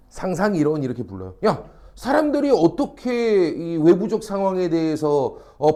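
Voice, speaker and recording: Male academy teacher, high, very expressive pitch, mellow tone, blunt, animated, keeps checking the class. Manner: animated, acts out quoted people; casual and blunt with students, checks understanding often. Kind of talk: classroom lecture.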